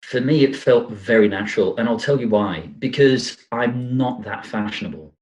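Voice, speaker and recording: A man's voice: mid-range voice, moderate pace, a little mellow, low-quality recording. Man from Brazil, middle-aged, podcast guest, loose and self-mocking delivery, frequent restarts. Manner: self-deprecating, rambling with restarts. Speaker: podcast guest, financial planner. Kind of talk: conversational interview.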